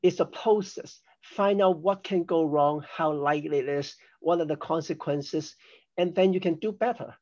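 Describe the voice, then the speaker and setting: A man's voice: on the high side, moderate pace, darkish tone, highs cut off. Older man from Hong Kong explaining at length. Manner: chatty and explanatory, self-deprecating with laughs. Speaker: podcast guest, risk assessment expert. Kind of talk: conversational interview.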